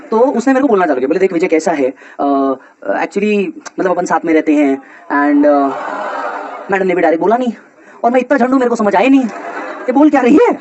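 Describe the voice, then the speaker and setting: A man teaching exam students, telling a personal story in an animated, slangy, joking way. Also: extremely high pitch, highs cut off. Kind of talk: motivational storytelling lecture to students.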